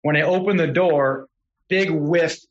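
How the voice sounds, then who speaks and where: A middle-aged man, a podcast guest, telling stories in a casual, animated way, often correcting himself mid-sentence. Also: a little high, unhurried, highs cut off. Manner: animated, self-correcting storyteller. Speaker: podcast guest, real estate investor. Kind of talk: casual storytelling.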